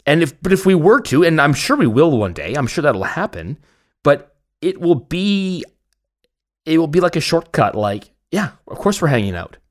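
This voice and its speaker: This podcast host, a man with a Canadian accent, has a fairly high voice with big pitch swings and a moderate pace. He chats in a casual, rambling, personal way, joking and poking fun at himself.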